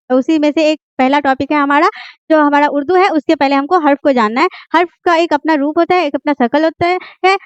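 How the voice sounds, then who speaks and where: High-voiced woman teaching a patient lesson. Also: no room sound, dull audio. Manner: patient, repeats questions and answers them herself; frequent fillers and self-corrections. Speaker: Urdu teacher. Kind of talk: online language lesson.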